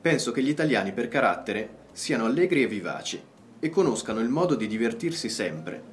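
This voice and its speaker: Man with a lively voice in a lesson dialogue. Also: mid-range voice, brisk, a little hiss or hum. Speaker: dialogue partner in a language lesson. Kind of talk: scripted learner dialogue.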